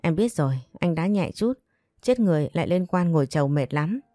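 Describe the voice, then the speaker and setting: Brief: a defiant younger brother, read by a woman narrator, dark tone, dry sound, soft music behind. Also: sits low, expressive, brisk, no echo. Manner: defiant, cheeky. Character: cheeky young man, loud-mouthed younger brother.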